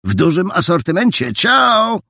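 A man voicing a cheeky, talkative teenage boy with a quick, salesman-like patter in an audiobook. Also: sits high, sing-song, creaky, sharp tone, husky, dry recording, clean studio sound, voice pushed up, full character voice. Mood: sly, cheerful. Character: cheeky, chatty teenage boy with a knack for business.

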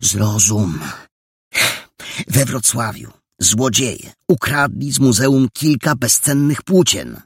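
A man voicing an excitable, bossy young girl detective in a storybook, with emphatic, impatient delivery. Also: medium pitch, slow, breathy edge, no echo, clean studio sound, voice pushed up, full character voice. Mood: excited, bossy. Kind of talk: audiobook character voice.

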